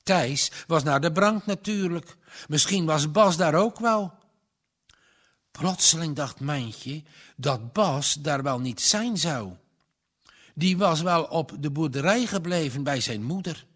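A man reads a village story aloud in a slow, measured style. His voice sits a little high for a man. The delivery stays calm and even. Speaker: narrator. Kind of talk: audiobook narration.

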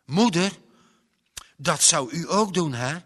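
An earnest, emphatic little boy in a children's storybook, his voice pitched high and childlike, as a man puts him on. It swings lively up and down and rings with a long echo, as if read aloud in a large room. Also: takes it slowly, slightly rough, heavily acted. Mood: eager. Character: small contrite, earnest boy.

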